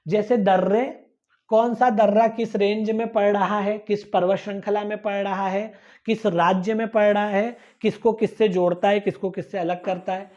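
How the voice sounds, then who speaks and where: In a recorded exam-prep lecture explaining a map, a woman patiently repeats key points and checks in with her students by saying "ठीक है ना". Her medium-pitched voice is a little mellow, with fairly even intonation and normal speed, on a dull lo-fi recording.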